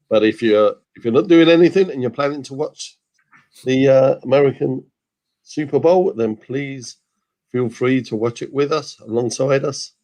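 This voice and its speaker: A man's voice: medium pitch, darkish tone, rough recording. A man from England co-hosting a casual football watchalong, joking and calling the play. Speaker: co-host.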